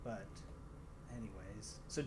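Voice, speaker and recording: A man's voice: on the low side, fairly even intonation, takes it slowly. A man with a Michigan, Great Lakes American accent, chatting casually in a rambling, dryly joking way. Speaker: stand-up comedian guest. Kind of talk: casual chat. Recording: noisy background ambience.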